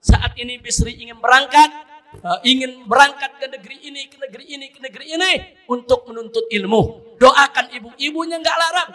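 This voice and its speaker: A man delivers a sermon, telling a story with fervent intensity. His voice sits very high for a man, and he climbs into passionate, loud declarations as the tale builds. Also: a little fast. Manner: fervent, rising to impassioned shouts in quoted prayers. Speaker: preacher.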